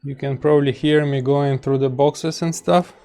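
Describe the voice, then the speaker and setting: Working on electronics in his home workshop, this Ukrainian-accented hobbyist host from Ukraine offers casual bench commentary, half to himself, slow and musing as he mutters while searching. His voice is mid-range, steady and warm.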